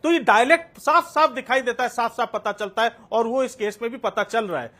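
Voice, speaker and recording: A man's voice: extremely high pitch, fairly quick, a bit bright. A man, speaking as a political panelist in a heated TV debate, pressing his point with repetitions and hesitant fillers. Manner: insistent, repeats himself, hesitant fillers.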